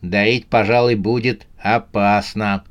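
A man's voice: on the low side, level tone, measured pace, close to an everyday voice. A man doing Terrible Susanna, a bossy ringleader. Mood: sly. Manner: commanding, shouts orders.

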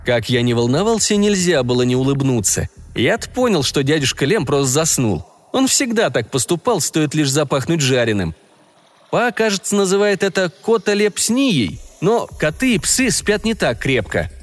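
Lively man narrating a story. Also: on the high side, normal speed, soft background music. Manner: lively, folksy first-person telling. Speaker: audiobook narrator.

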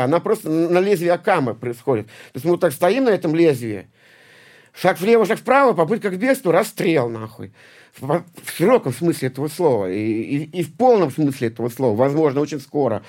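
Man, late forties, from st petersburg, rambling, swears constantly, rapid speech, slightly high voice. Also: a little mellow. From St Petersburg, Russia. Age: 40s. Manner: rambling, heavy swearing, many restarts and repeated words. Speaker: guest, punk poet and musician. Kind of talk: casual interview talk.

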